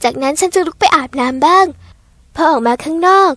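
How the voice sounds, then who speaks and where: High-voiced woman narrating a story. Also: fairly quick, no room sound, studio quality. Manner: gentle, polite storytelling. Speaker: audio novel reader. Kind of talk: scripted first-person story narration.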